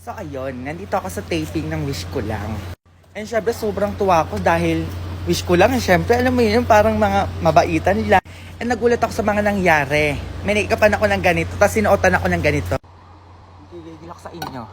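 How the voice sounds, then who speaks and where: A man's voice: high voice, animated, brisk, soft background music. A man chatting casually in a vlog, exclaiming often and giggling.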